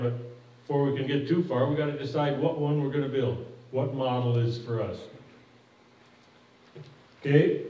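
Speaking with a warm, medium-pitched voice, the older project manager addresses a public meeting in a plainspoken, folksy way, frequently starting phrases over while taking audience questions. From the stage of a curtained hall, a podium mic at a distance captures him, so the sound comes out dull and echoey.

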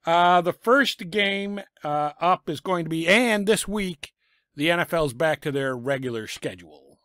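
Talking slowly, a raspy man with a cough offers casual football picks commentary as a sports picks vlogger, blunt and sarcastic about teams and coaches. His voice is a little high, animated and fairly bright. He uses a desk microphone in a small home room full of sports memorabilia, and the studio-quality recording has no room sound.

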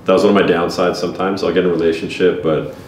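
A man's voice: low-pitched, little pitch movement, rapid-fire, distant mic. A young man hosting a casual drinking-game chat, joking and crude, laughing often. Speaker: host. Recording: echoey room with faint noise.

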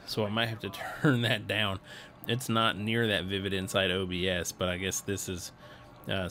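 A man's voice: on the low side, fairly bright tone, slight background noise. A tired young man giving casual, rambling voice-over commentary on his gameplay video, chuckling now and then. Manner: rambling, easygoing, chuckles often. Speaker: gaming channel host and streamer.

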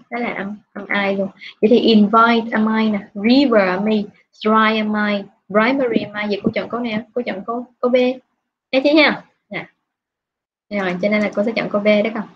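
A woman's voice: mid-range voice, slight background noise. Woman teacher running an online class. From Vietnam. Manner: patient, questioning, drawn-out prompts. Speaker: English teacher. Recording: dull lo-fi online class audio.

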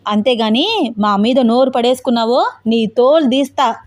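A woman's voice: medium pitch, moderate pace, a little mellow, natural voice. Brief: hired street toughs, slangy and coarse, woman reader puts them on. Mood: defiant. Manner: rustic slang, blunt. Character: rough hired street thugs, rustic men.

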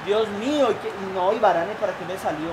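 A young man with a Colombian accent calls his own video game match in a very high voice, shouting and groaning at every play. The recording carries clear background noise. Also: a little fast. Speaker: gaming YouTuber. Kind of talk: excited live gameplay commentary.

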